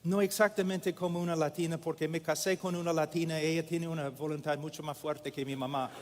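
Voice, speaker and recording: A man preaching a sermon in a slow, deliberate way with many pauses. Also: a little high, fairly even intonation. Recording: echoey hall with long reverb.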